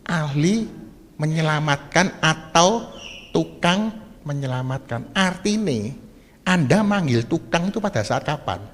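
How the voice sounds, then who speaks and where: Man, East Javanese accent, lay preacher, middle-aged, rather high voice, long hall reverb, keeps asking the crowd questions, rises to shouts. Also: animated, measured pace, a little hiss or hum. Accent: East Javanese Indonesian. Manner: asks the audience questions, mixes Javanese words, builds to loud shouting passages. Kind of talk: sermon to a congregation.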